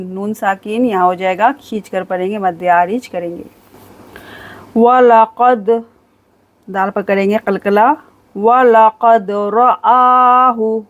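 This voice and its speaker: A woman teaching Quran recitation rules, reciting each phrase slowly and drawn out, then explaining each rule in quick, patient instructions. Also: mid-range voice, a little mellow. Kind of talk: tajweed lesson, recitation with explanation.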